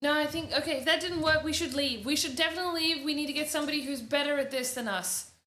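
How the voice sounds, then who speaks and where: Woman doing a pushy Australian curator for a tabletop game, bright and a little high, in a roomy room. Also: fast talker, a little hiss or hum. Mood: anxious. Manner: urgent, pushy. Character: flustered female museum curator.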